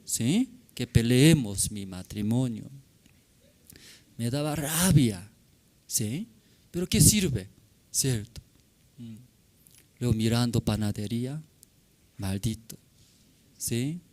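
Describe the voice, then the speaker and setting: Korean guy preaching, broken spanish, keeps going "right? no?", acts out the yelling. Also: medium pitch. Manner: broken Spanish with frequent tag questions; animated, acts out shouting in the story. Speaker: pastor. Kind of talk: storytelling sermon.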